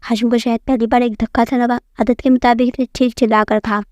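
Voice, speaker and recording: A woman's voice: fairly high pitch, little pitch movement, a little mellow, dry recording, clean studio sound. A woman narrating a story, speaking directly and friendly to her viewers.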